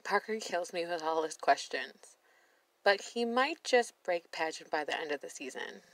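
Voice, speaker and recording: A woman's voice: on the low side, lively intonation, normal speed, slight background noise, poor audio. A woman commenting on a reality show in a sassy, blunt voice-over, swearing freely. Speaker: reaction video host.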